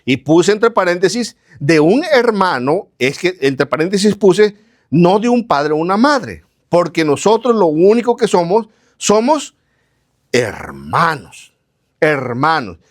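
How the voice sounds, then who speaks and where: A man's voice: high-pitched, very animated, unhurried. A man preaching a sermon, asking questions and answering them himself, repeating phrases in lists, speaking straight to his listeners. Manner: addresses listeners directly.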